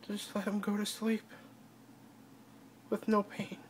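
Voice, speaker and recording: A woman crying as she speaks in a personal video diary, halting and breaking off to restart her sentences. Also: mid-range voice, monotone, slight background noise. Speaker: vlogger.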